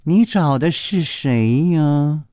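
A man's voice: a little high, expressive, takes it slowly, dark tone, no echo, clean studio sound. A male storyteller voicing a clever, wry male hero who speaks in a light, bantering way.

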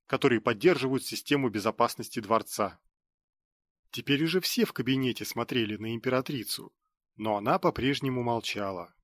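A man reads fantasy narration in a steady, even manner. His voice sits at an ordinary middle pitch. The recording is dry and close with no room sound. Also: no room sound. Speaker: audiobook narrator. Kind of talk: scripted narration.

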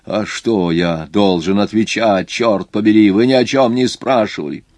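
A man playing a gruff, impatient coach conductor. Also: fairly low pitch, moderate pace, a little mellow, no echo, natural voice.

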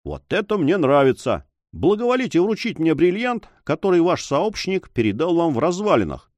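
A man's voice: a little high, wildly swooping pitch, normal speed, darkish tone, dry recording, pitched above the performer's own voice. A man voicing a mocking, cool-headed sailor who talks in a sly, taunting, emphatic way in an audiobook. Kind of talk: audiobook character voice.

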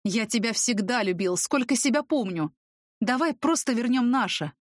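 A woman's voice: on the high side, lively intonation, moderate pace, dry recording, voice pushed up. Pushy ex-boyfriend, a young man pleading hard, voiced by a woman reader; storybook part, dry. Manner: insistent and urgent.

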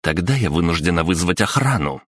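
Stern headmistress, a deep-voiced male narrator pitching up, formal and clipped, dry studio read. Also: lively intonation, fairly quick, a bit bright, husky, no echo, exaggerated voice. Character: stern female school headmistress, middle-aged.

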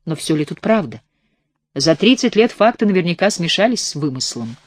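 A woman's voice: fairly low pitch, big pitch swings, brisk, no room sound. A woman reading the part of an uneasy landowner who tells a grim village tale in a hesitant, confiding way.

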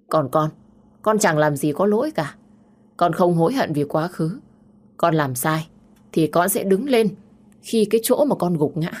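A woman voicing a weary, quietly defiant young woman. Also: fairly low pitch. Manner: tired, restrained.

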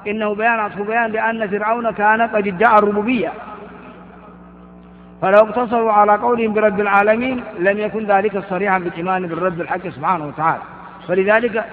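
An older man teaching grammar in a fairly high voice. He reads from a text, then explains it by repeating examples and asking "why?" The recording sounds tinny like a phone line and has a long hall echo. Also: slight background noise.

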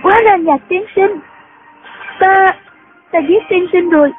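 A woman voicing a timid young nun in a storybook reading, in a high girlish voice. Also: fast talker. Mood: shocked. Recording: tinny phone-like sound with loud music.

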